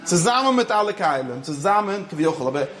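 A man's voice: sits high, sing-song, fast, a bit bright, roomy sound. A man giving an informal religious lecture, moving between Yiddish and English and often checking that his listeners follow. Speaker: religious teacher.

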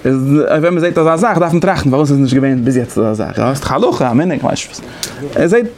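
A man's voice: fairly high pitch, lively intonation, fast, darkish tone. A man giving a lecture, explaining conversationally and thinking aloud as he goes. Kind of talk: lecture on interpretation methods.

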